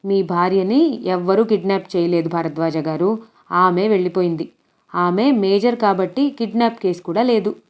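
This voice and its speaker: A woman reading the lines of a brisk, skeptical young male police inspector in a storybook, with matter-of-fact questioning. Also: fairly low pitch, a little mellow, lightly acted.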